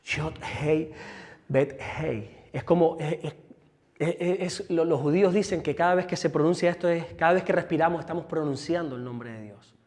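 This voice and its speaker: A man preaching a sermon as pastor, teaching with lively emphasis and stopping for quick asides to the people around him. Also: fairly high pitch, long reverb tail. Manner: animated, with asides to helpers about the screen. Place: church hall.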